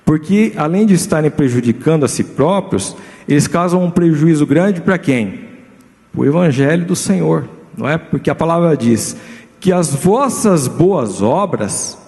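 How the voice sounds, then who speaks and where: A man who is a pastor with a Brazilian Portuguese accent, preaching a lively sermon and putting many questions to his congregation. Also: a little high, unhurried. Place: church hall. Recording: live church recording with long reverb.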